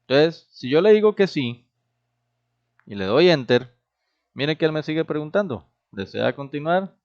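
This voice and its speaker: A man's voice: fairly high pitch, very animated, moderate pace, a little mellow. A man teaching a programming class, explaining step by step and often checking that the students follow. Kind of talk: classroom lecture. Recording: dull, lo-fi recorded class.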